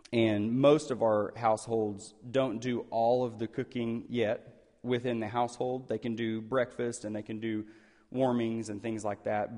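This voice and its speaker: A man with a fairly low voice addresses a public gathering as its presenter. He talks off the cuff, hesitating and doubling back on his phrases. Long hall reverb surrounds his words. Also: dark tone. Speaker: presenter on elder care taking questions. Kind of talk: public talk, unscripted with some read-aloud passages.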